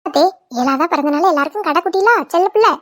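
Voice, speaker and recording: A woman's voice: extremely high pitch, fast. A woman voicing a playful, talkative young village daughter-in-law, in a cartoon. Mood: cheeky. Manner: playful, teasing, cheeky. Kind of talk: cartoon voice acting.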